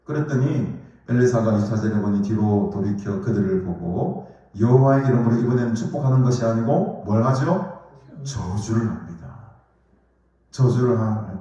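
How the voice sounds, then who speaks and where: A man's voice: mid-range voice, mellow. A man preaching a sermon as a pastor, putting questions to the congregation and using many fillers. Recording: echoey hall, far from the mic, dull.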